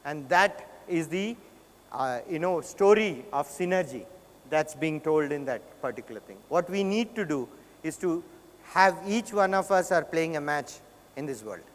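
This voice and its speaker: A conference speaker with a South Indian accent gives a motivational business presentation in a large hall, telling stories in a conversational way, posing rhetorical questions and checking in with listeners. His voice is on the high side, expressive, at a moderate pace, and the echoey hall adds long reverb.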